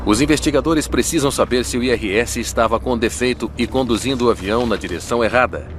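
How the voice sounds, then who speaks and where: A man's voice: mid-range voice, quick pace, noisy background. A man with a Brazilian accent giving dramatic scripted documentary narration as a voice-over. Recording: studio voice-over with music bed. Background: music.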